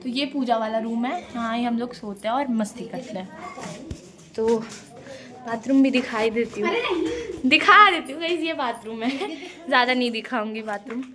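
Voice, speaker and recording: A young woman with a fairly high voice chats playfully through a home tour vlog, talking to her viewers as she walks room to room. Family voices murmur around her phone mic. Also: moderate pace, crowd noise. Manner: chatty, playful, addressing viewers as guys. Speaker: vlogger. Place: family house, indoors and courtyard. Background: family members talking around her.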